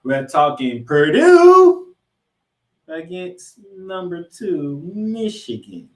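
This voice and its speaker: An American sports podcast host recaps and previews football with an emphatic, colloquial delivery. His voice sits high and swings widely in pitch, yet he speaks extremely slowly. The recording sounds roomy and echoing.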